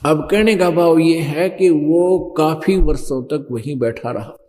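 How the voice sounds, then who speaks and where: A man's voice: on the high side, a little mellow. A man telling a folksy story in a sermon. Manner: slow folksy storytelling with village speech. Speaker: preacher. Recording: long hall reverb.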